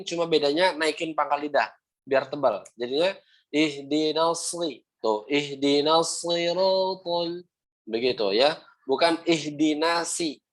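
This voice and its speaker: A young adult man teaching Quran recitation, patiently repeating sounds slowly and ending phrases with "ya". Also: a little high, a bit bright. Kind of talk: online class instruction with recitation examples.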